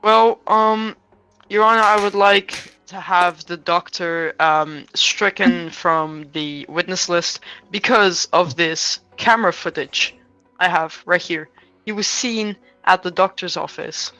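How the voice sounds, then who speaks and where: A woman's voice: fairly low pitch, slow pace, bright, forceful tone, clean tone, no echo, soft background music, poor audio. A woman arguing as defense lawyer in a courtroom role-play game, stumbling over fillers and swearing.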